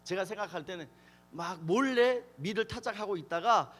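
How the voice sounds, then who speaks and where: A middle-aged pastor preaches at a youth camp and tells the story with questions to the listeners. His voice sits high for a man. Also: normal speed, a bit bright. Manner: storytelling, asks the audience questions.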